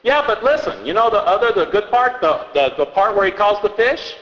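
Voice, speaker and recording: A man rambles through old folk tales, stumbling and restarting his sentences as he goes. His voice is bright and lively, and a long hall reverb trails behind it. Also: high-pitched, brisk. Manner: rambling, hesitant, with many restarts and fillers. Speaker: storyteller. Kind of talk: comic storytelling, reading folk tales aloud.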